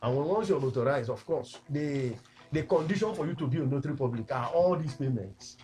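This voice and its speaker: A man's voice: mid-range voice, lively intonation, brisk, darkish tone, faint music behind. A man, a lawyer guest on a radio talk show, explaining insistently and at length. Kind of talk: casual studio chat.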